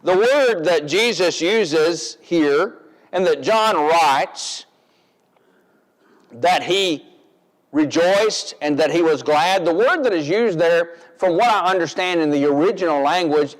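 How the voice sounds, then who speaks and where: Preacher, male, high voice, deliberate emphatic sermon delivery, recorded with a long church-hall reverb. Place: church sanctuary.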